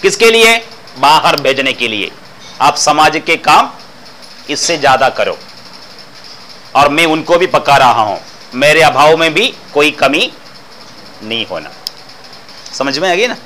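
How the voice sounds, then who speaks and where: Male philosophy teacher, high bright voice, explains by repeating phrases and posing questions. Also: big pitch swings, measured pace, long pauses, slight background noise, rough recording. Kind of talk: explanatory discourse lecture.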